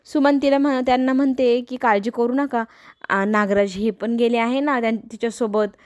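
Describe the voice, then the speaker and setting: A woman with a Marathi accent retells a TV serial episode, her slightly high voice steady, darkish, and at a normal pace. Her storytelling is casual, and she gives the quoted lines a light bit of acting.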